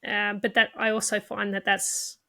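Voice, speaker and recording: Gravelly-voiced woman podcast host, empathetic. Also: mid-range voice, monotone, moderate pace, bright, forceful tone. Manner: empathetic, chatty, laughs often. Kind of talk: casual conversational interview.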